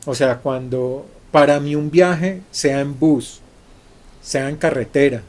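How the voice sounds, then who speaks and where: A middle-aged Colombian journalist with a Colombian Spanish accent, telling stories in an interview, often restarting and repeating words. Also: male voice, fairly high pitch, slow, darkish tone. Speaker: journalist guest. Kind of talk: conversational storytelling interview.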